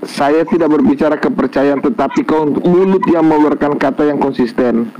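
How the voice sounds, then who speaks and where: A man's voice: a little high, warm tone, a little hiss or hum. Insistent man debating, lo-fi sound. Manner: insistent, interrupting, reads verses slowly and emphatically. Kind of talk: heated online debate.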